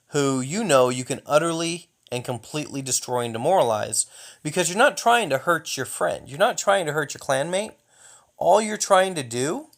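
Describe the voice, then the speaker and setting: A man's voice: medium pitch, fairly bright tone. Jokey young man rambling over replays. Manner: jokey, hyped-up, mock-taunting. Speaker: gaming YouTuber.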